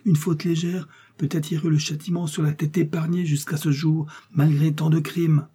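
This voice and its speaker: This is a stern, zealous officer making insistent demands in an audiobook, as a male narrator acts him out, louder than the reader. The voice is dark and husky. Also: a little high, little pitch movement, normal speed, voice pushed up. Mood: pleading. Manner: fervent, pleading, insistent.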